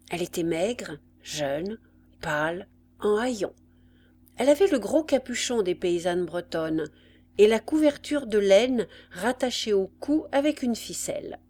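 Slow measured woman narrating a novel. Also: mid-range voice, darkish tone. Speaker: audiobook reader. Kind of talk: scripted narration of a classic novel.

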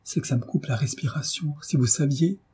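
A man voicing a frightened woman servant who speaks in a hushed, panting, trembling way, read as an audiobook. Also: mid-range voice, slow, slightly rough. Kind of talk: audiobook reading.

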